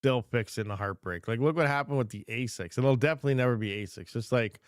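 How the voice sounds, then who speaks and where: A man's voice: mid-range voice, quick pace, no room sound, clean studio sound. A man hosting a casual livestream Q&A, rambling and reading chat questions aloud from a home desk. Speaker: crypto mining channel host.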